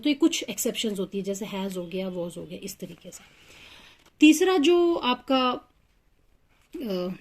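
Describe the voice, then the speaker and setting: A woman with a slightly high voice teaches English phonics. She explains step by step, patiently working through example words and pausing with small fillers as she thinks. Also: a little mellow.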